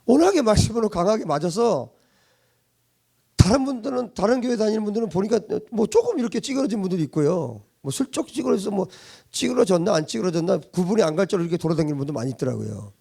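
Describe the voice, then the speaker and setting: Husky, gravelly man preaching emphatically. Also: high voice, big pitch swings, quick pace. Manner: emphatic preaching with rhetorical questions, swinging between loud and hushed. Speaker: pastor. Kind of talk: sermon. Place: church congregation.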